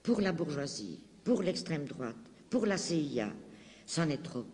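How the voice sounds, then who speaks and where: A man giving an impassioned political speech in a declamatory, emphatic way with deliberate dramatic phrasing. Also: fairly high pitch, very animated, darkish tone. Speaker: political speaker. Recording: long hall reverberation.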